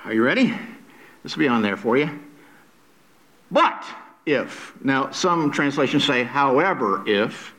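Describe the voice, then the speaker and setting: A man's voice: medium pitch, big pitch swings, measured pace, pauses often, a bit bright, low-quality recording. A man preaching a sermon, stressing key words over and over and asking his listeners questions as he reads scripture aloud. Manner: emphatic, repeats key words and asks the congregation questions; reads scripture aloud with a rising, sing-song lilt. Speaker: pastor.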